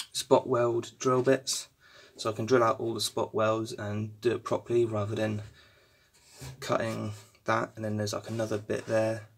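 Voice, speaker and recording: His voice is lowish with some vocal fry as this twenty-something car restoration vlogger casually talks through repairs in his home garage. Shot on a handheld phone with slight background noise, his workshop narration is laid-back and rambling, packed with fillers and restarts.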